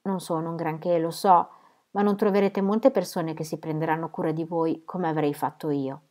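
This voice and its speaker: A woman voicing a rejected, wounded young male suitor in a read-aloud novel, speaking low and subdued. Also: fairly even intonation, normal speed, darkish tone, close to an everyday voice. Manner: subdued and reproachful.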